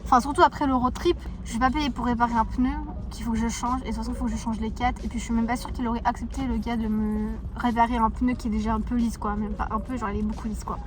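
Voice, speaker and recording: A woman's voice: fairly high pitch, level tone, fast, hardly any pauses, slight background noise. A young French woman vlogging casually to her viewers, chatty and rambling, with many fillers and restarts. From France. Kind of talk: casual chat to camera.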